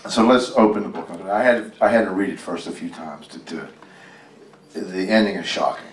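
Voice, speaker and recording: This American reader, from Western Pennsylvania, speaks at a moderate pace in a low voice while sharing a picture book at an informal library storytime, peppering it with jokes and folksy chat. The live event is recorded on a handheld mic held by a helper, sounding roomy and far off.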